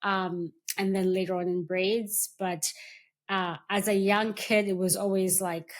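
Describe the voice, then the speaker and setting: Relaxed woman in her forties from Kenya. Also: medium pitch. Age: 40s. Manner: relaxed, thoughtful, with frequent fillers and pauses. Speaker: podcast guest, physician. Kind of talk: casual interview chat.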